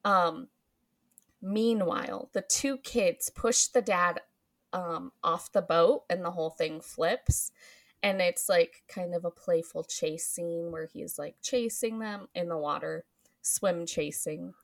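Slow, giggly woman recapping a film. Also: on the low side. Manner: giggly, frequent ums and likes. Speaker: podcast host recapping a film. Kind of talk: casual chat.

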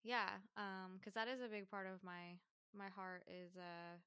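A woman's voice: mid-range voice, flat delivery, unhurried, sharp tone, clear, resonant tone, no room sound, clean studio sound. A woman co-hosting a casual podcast, telling a story in an earnest, heartfelt way with lots of fillers. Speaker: podcast co-host.

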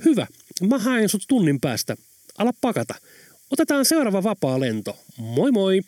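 A man's voice: high-pitched, huge pitch swings, darkish tone, no echo, studio quality, pitched above the performer's own voice. A man reading an audiobook voices a jokey, easygoing young man in a raised, upbeat tone.

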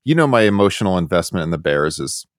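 A man's voice: low-pitched, sing-song, quick pace, no room sound, studio quality. A man from the Chicago area hosting a podcast, chatting in an easygoing, self-deprecating way. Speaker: podcast host. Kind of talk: casual podcast review chat.

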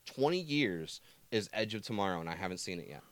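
A man's voice: on the low side, fairly quick, no room sound. A young adult man co-hosting a podcast in casual chat, swearing and ranting animatedly about films. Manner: profane, animated movie rants with put-on impressions. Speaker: podcast co-host.

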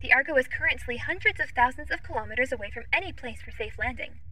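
Audio drama: too-smooth female android assistant played by a woman, high, bright and crisp, polite, literal and quietly curious. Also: quick pace, full character voice. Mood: formal, informative. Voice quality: too smooth, even, formal android-like phrasing. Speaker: ship's AI assistant.

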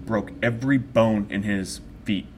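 A man's voice: lowish voice, unhurried, a little hiss or hum. A man talking casually as a podcast co-host, telling stories in a loose, profane, rambling way and laughing often. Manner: excitable, rambling storyteller with frequent laughs. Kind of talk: casual chat.

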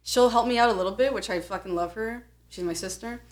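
A young American woman co-hosts a podcast, telling stories fast and animatedly in a mid-range voice. Her talk is blunt, jokey and full of profanity.

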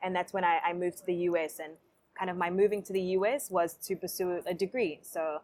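A young woman from Africa, talking as a podcast guest in a relaxed, reflective way. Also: on the low side, quick pace. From South Africa. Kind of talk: casual interview conversation.

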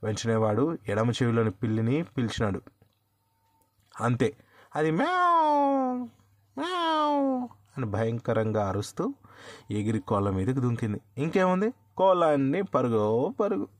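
Animated male folk-tale storyteller. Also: medium pitch, normal speed, no echo, clean studio sound. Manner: expressive, animated storytelling with vivid sound words.

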